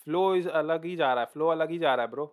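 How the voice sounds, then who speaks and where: Slightly high-voiced man reacting casually. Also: moderate pace. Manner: mixes Hindi and English, calls the listener bro, hesitant fillers. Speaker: music reaction video host.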